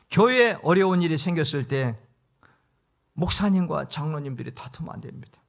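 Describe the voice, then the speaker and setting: A man's voice: on the high side, vocal fry. A middle-aged male guest pastor preaching a revival sermon in a church, emphatic, acting out little scenes of dialogue. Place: church sanctuary.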